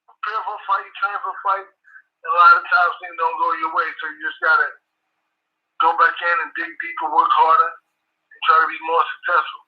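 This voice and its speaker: A man's voice: a little high, little pitch movement, normal speed. A boxing trainer answering interview questions over a video call that keeps freezing and dropping out, talking loosely with lots of "you know, man.". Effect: glitchy video call audio that freezes and cuts out. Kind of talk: casual remote interview answers. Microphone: earphones on a call. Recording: dull lo-fi call audio.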